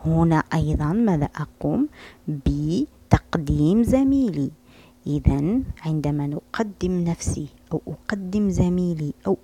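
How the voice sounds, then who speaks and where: Slow, patient woman teacher. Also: fairly low pitch, warm tone, breathy edge. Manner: patient, repeats words slowly for learners. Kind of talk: classroom lesson explanation.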